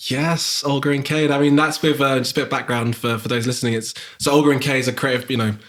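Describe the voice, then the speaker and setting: A graphic designer from England, in his thirties, is being interviewed on a podcast. His South London-accented voice is medium-pitched and fast with fairly even intonation, and his reflective answers are peppered with fillers and restarts.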